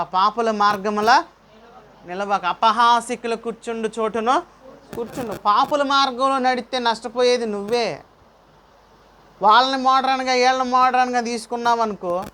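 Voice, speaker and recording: Pastor guy preaching in speech, highish voice, keeps firing questions at the crowd. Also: fairly bright tone, a little hiss or hum. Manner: preaching with rhetorical questions and call-outs. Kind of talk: sermon.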